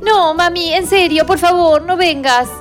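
A woman's voice: very high voice, measured pace, faint music behind. A woman voicing a stubborn, pleading little girl, in a storybook reading. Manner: whiny, insistent pleading.

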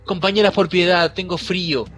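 A man voicing a frightened little female worker bee in a storybook reading, high and trembling as she pleads. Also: steady tone, moderate pace, a bit bright. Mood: pleading. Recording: faint music behind.

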